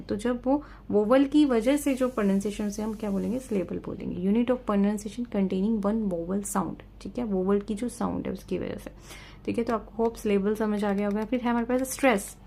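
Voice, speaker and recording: A woman teacher explaining a lesson step by step, checking in often and reading out definitions slowly. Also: fairly high pitch, gravelly, warm tone. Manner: reads English definitions slowly and carefully. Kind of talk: exam-prep lesson.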